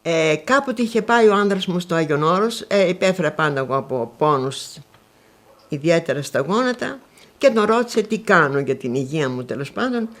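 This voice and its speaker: An elderly grandmother from northwestern Greece, recounting memories in an interview and acting out remembered conversations as she tells them. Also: fairly low pitch. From Konitsa area, northwestern Greece. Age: older. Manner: lively storytelling, acting out remembered dialogues.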